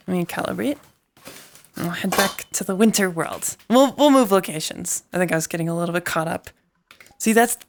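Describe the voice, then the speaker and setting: A woman composing music live in VR, chatting casually with her stream audience, laughing often and muttering to herself over technical glitches. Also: medium pitch.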